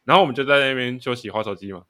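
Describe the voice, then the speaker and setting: A man's voice: medium pitch, rapid-fire, bright, forceful tone. A man with a Taiwanese Mandarin accent, co-hosting a casual chat show and telling stories with frequent laughter. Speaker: podcast co-host.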